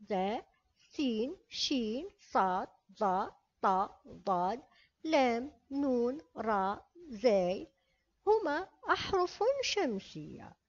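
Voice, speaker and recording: A woman teaching a children's reading lesson, reading slowly and carefully and drawing out each word. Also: fairly high pitch, big pitch swings. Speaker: primary school teacher. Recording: dull lo-fi recording.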